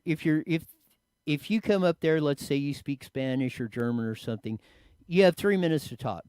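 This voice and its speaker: A man's voice: mid-range voice, a little mellow, smooth, no echo. A man with an Appalachian-style hillbilly twang, talking off the cuff about local affairs in a rambling, folksy, wry way as a commentator. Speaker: local commentator and public speaker. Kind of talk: unscripted talk on local government.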